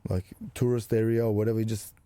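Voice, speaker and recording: A man's voice: fairly low pitch, little pitch movement, quick pace, mellow, clear, resonant tone, no room sound. A middle-aged man from Macedonia, co-hosting a podcast in casual chat, laid-back and swearing freely. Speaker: podcast co-host. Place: small caravan music studio.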